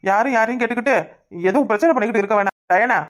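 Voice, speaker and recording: A woman voicing a man of the house who calms everyone down, repeating himself, in a southern Tamil Nadu accent. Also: on the high side, lightly acted. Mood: calming. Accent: southern Tamil Nadu dialect. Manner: rapid, calming, repeats words. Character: man of the house, uncle figure, peacemaking.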